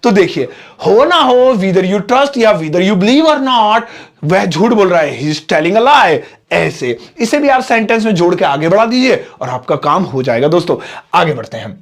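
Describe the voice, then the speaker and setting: High-voiced man teaching English slowly. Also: big pitch swings. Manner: explains slowly, spells out English words. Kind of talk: spoken English lesson.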